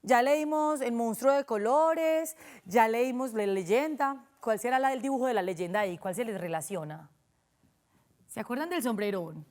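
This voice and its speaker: Young Colombian female schoolteacher, fairly high voice, animated and patient with kids. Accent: Colombian Spanish. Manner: animated, counts slowly and sounds out syllables. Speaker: primary school teacher. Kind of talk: teaching a recorded lesson to children.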